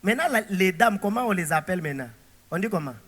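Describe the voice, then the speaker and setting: High-voiced, lively preaching pastor. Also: male voice, quick pace, long reverb tail. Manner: animated, asks the congregation rhetorical questions. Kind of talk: sermon.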